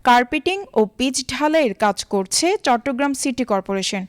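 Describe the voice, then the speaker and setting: A woman reporter reading a scripted television news voice-over in a formal, measured way. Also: on the high side, expressive, smooth, no echo.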